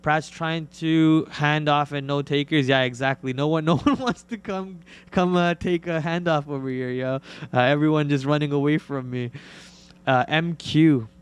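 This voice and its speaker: Clear-voiced man hosting casual trading chat. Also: fairly high pitch, moderate pace. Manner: informal, slangy banter. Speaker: live stream trading host. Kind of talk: casual market commentary, answering viewer questions.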